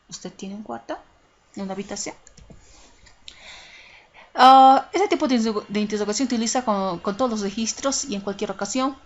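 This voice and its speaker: A woman teaching a recorded lesson at a middle pitch, walking through each rule and checking understanding with frequent tag questions. The sound is dull and lo-fi. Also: a bit bright.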